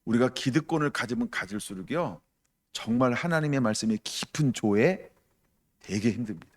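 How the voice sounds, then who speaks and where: A man preaching a sermon as pastor, emphatic, asking the congregation questions and acting out quoted voices with loud bursts. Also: mid-range voice, animated, moderate pace. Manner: acts out quoted voices with sudden loud outbursts.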